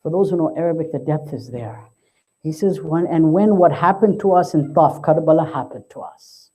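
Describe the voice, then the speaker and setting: A man giving a mourning sermon as a majlis speaker, impassioned, his voice climbing high in grief as he quotes Arabic. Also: normal speed, warm tone, husky.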